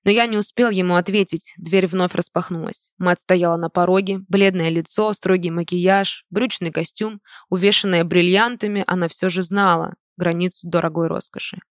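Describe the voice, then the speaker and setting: An audiobook reader narrating a first-person novel in a measured, even way, recorded close to the mic. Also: medium pitch, no echo.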